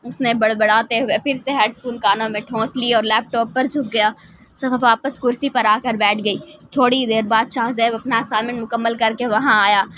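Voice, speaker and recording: A woman narrating an audio novel in a steady, plain reading style. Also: a little high. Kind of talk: scripted narration.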